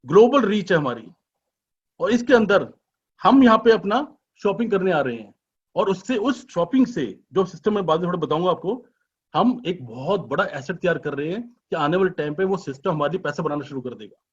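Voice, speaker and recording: In a dull, lo-fi recording, a man delivers an informal sales pitch as a business presentation, chatty and persuasive, with plenty of rhetorical questions and teasing asides. His husky voice has lively intonation and runs a little fast.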